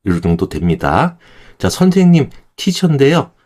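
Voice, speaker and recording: A man teaching English pronunciation in Korean, explaining step by step and slowing down to demonstrate each word. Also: mid-range voice, sing-song, darkish tone. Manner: demonstrates words slowly, then repeats them. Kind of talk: explanatory lesson.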